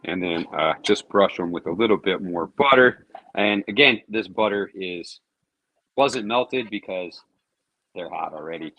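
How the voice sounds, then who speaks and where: A man's voice: low-pitched, expressive, a little slow, muffled recording. A man hosting his own cooking vlog, chatting casually and thinking aloud as he grills. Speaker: cooking show host.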